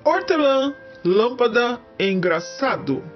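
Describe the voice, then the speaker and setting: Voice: medium pitch, very animated, takes it slowly, lo-fi sound, soft background music. A performer voicing Tom, a cheerful cartoon helper who repeats the choices, thinks aloud and calls out the answer. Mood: eager.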